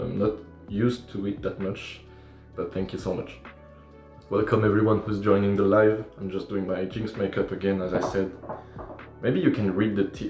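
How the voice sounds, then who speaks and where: A man's voice: sits low, a little mellow, echoey room. A young man with a French accent chatting casually on a livestream while he does his makeup, rambling and self-deprecating with lots of fillers. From France. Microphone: phone or tablet livestream.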